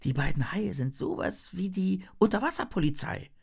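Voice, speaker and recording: A man doing a hushed, curious young boy. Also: on the high side, very animated, a little slow, creaky, voice pushed up, full character voice. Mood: amazed. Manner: hushed, wondering.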